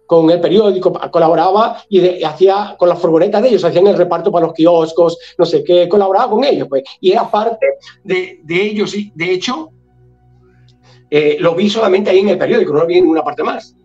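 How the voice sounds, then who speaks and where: A man from Galicia, Spain, a guest telling an anecdote in an animated way and acting out the dialogue. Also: sits high, fairly quick, recorded from a distance, lo-fi sound, faint music behind. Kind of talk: storytelling anecdote.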